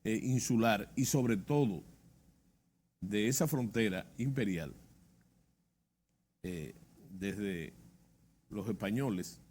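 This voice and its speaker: A man speaks Spanish with a Dominican Caribbean accent and a somewhat husky voice. He explains conversationally as an interview guest, often doubling back on phrases to stress them and checking that his listener follows. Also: fairly low pitch, animated, slow, pauses often, a little mellow.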